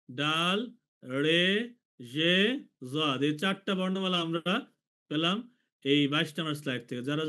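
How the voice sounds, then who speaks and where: A man from Bangladesh teaching an online language class, slowly repeating each letter for his students. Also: fairly high pitch, bright, forceful tone. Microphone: video call.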